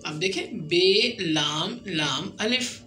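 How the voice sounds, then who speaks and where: A woman teacher explaining a script lesson slowly and patiently, repeating example words for learners to follow. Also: on the low side, lively intonation, bright, forceful tone, soft background music. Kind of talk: classroom lesson on Urdu script.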